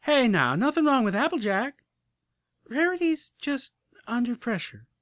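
A man's voice: extremely high pitch, very animated, unhurried, a bit bright, no echo, pitched above the performer's own voice, exaggerated voice. A man voicing a loyal, down-to-earth young mare pony who talks earnestly and reassuringly.

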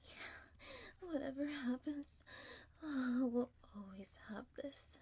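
A woman speaking in a soft, mostly whispered voice, affectionate and intimate, in an audio roleplay. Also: sits high, sing-song, takes it slowly.

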